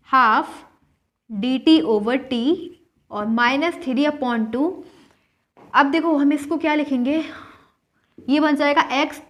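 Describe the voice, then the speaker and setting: Young woman, high voice, explaining maths step by step, keeps repeating herself. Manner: explains slowly, repeats steps, checks in with "ठीक है". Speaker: maths teacher. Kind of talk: step-by-step board maths lesson.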